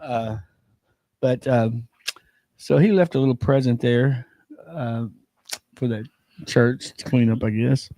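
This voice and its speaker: Warm and mid-range, this man's voice moves slowly with long pauses and no echo. Co-hosting a laid-back local wrestling and sports talk show, he wanders through a story with plenty of fillers and laughs at his own tale, fighting off a lingering cold that keeps taking his voice.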